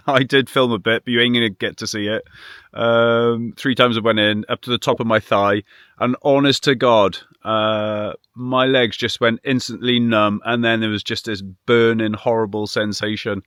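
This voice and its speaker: A man's voice: medium pitch, fairly even intonation, moderate pace, fairly bright tone, smooth, dry recording, clean studio sound. A British man chatting casually to camera as a vanlife vlogger, in a rambling, self-deprecating and mildly sweary way. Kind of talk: casual vlog chat.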